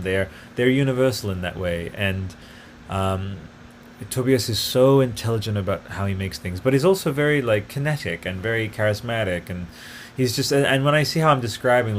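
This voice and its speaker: A man with a fairly low voice hosts his own podcast, rambling eagerly from one tangent to the next. He speaks in a loose, casual way with plenty of fillers. A faint background noise sits under the recording. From grew up partly in Italy. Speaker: podcast host. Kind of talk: casual solo podcast talk.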